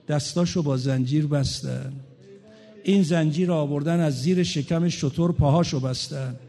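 A man's voice: fairly high pitch, warm tone. A man preaching a religious sermon, telling a story dramatically, voicing the people in it and sliding into chanted lament.

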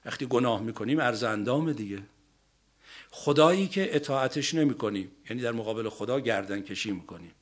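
A man preaching a sermon, stressing points with loud rises, then dropping soft and slowing down on key ideas. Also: medium pitch, expressive. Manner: emphatic, swings between loud rising stresses and soft drops.

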